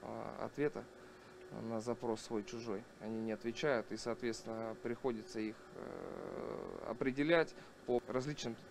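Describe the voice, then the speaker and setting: Gravelly, halting military man. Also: medium pitch, noisy background. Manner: measured, formal, halting. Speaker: air defence officer. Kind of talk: explanatory interview. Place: small military command post room.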